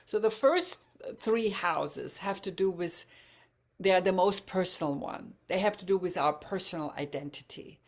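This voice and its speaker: With a low, gravelly, fry-laden voice, this astrology speaker presents an informal slide talk in an animated way, though her pace is easy and halting. Native German and bilingual in Croatian, from Germany or Croatia, she hesitates often with fillers and restarts.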